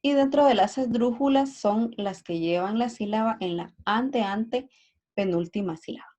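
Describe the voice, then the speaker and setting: A woman's voice: a little high, moderate pace, warm tone. A woman teacher giving a review lesson, hesitant, full of fillers and tag questions.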